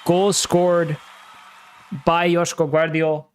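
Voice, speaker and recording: A man casually commenting on a football match live for his stream, slangy and excitable, breaking into loud exclamations at big moments. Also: fairly high pitch, takes it slowly.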